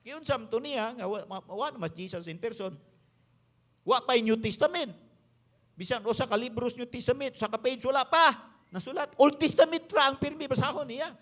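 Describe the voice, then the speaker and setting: A man's voice: very high-pitched, moderate pace, a bit bright. A male pastor with a Visayan Filipino accent, preaching an emphatic sermon that moves between English and his local language.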